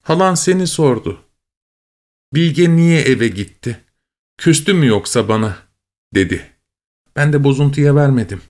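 A man's voice: mid-range voice, animated, measured pace, pauses often, a little mellow, natural voice. A man voicing a chatty, gossiping middle-aged mother on the phone to her daughter in an audiobook story. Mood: gossipy.

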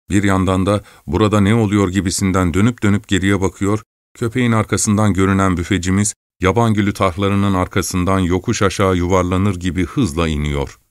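A man narrating a story in the first person at a steady, measured pace. His voice sits low. The recording is dry and close, with no room sound. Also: no echo. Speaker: audiobook narrator.

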